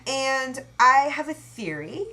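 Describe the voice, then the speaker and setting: A woman's voice: sits high, very animated, slow pace, crowd noise. A young woman co-hosting a fan podcast in casual chat, wry and sarcastic, often laughing. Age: young adult. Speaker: podcast co-host.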